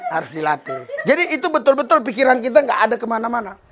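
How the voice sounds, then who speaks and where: Animated laughing male pastor. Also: very high-pitched, fast talker, over music. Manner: animated, laughing, switching into playful voices. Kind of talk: lively sermon with acted-out prayers. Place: church congregation.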